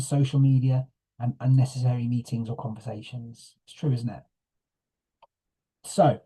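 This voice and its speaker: A man's voice: mid-range voice, warm tone, breathy edge, poor audio. A middle-aged man giving an informal lesson, chatty and often tagging his points with questions to the listener. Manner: chatty, keeps asking "isn't it?". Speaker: teacher. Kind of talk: informal lesson reading from slides.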